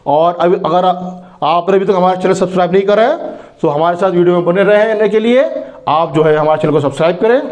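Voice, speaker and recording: A man teaches English sounds in a fairly high voice. He sounds out each example word slowly and asks questions that he answers himself. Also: darkish tone. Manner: repeats words slowly, asks and answers his own questions. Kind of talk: phonics lesson.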